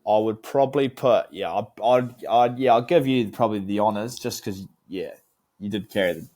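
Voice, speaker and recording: Low-voiced young man, broad Kiwi accent. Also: moderate pace, dark tone. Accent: broad New Zealand. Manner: laid-back, slangy, repeats himself. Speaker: podcast co-host. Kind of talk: casual banter between mates.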